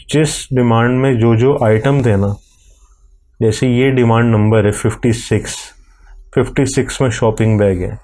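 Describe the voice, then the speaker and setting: A man with a Pakistani accent guides a software screen recording, explaining each click in a slow, step-by-step way. His voice sits at an ordinary pitch with a dark, mellow tone. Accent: Urdu-Hindi speaking, Pakistani. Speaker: software tutorial presenter.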